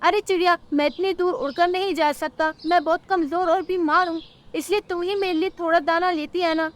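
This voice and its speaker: A woman's voice: very high voice, fairly even intonation, moderate pace. A woman voicing a sly, lazy male crow in a cartoon story, who talks in a wheedling, pushy way. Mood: scheming.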